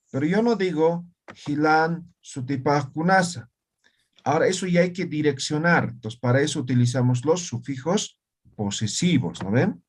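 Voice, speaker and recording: Slow-talking man teaching. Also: a little high, a little mellow. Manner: explains slowly, tagging lines with "¿no ve?" and "¿ya?". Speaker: language teacher. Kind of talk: online class lesson.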